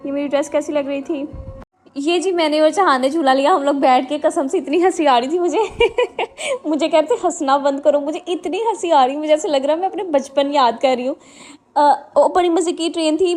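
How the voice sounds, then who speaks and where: A woman's voice: high voice, darkish tone. A young woman, a mother, chatting through a casual vlog voice-over with lots of fillers and friendly asides to viewers. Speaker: family vlogger and mother.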